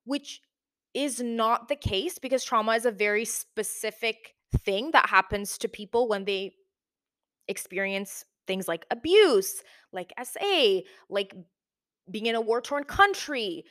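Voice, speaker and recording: A video host talks casually to camera on a new microphone in a large, half-furnished room whose bare walls make her voice echo. Her pitch is middling and her tone fairly bright, and she stays chatty, full of fillers and quick self-corrections.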